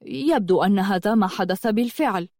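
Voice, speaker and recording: A woman reading a fantasy novel aloud in a measured, dramatic manner. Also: mid-range voice, darkish tone, no echo, clean studio sound. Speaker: audiobook narrator. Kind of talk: scripted narration of a novel.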